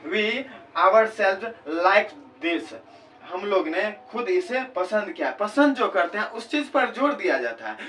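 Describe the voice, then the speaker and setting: A man teaching English grammar, taking his class through it step by step and answering his own questions. He reads the English example sentences slowly and deliberately. His fairly high voice comes from a mic set some way off, with a faint hum behind it. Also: very animated, fairly bright tone, distant mic. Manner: explains step by step, asks questions and answers them himself.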